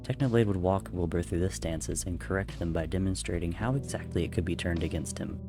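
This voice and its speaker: A man's voice: deep voice, fairly quick, music in the background. A man narrating fiction aloud as a dramatic reading.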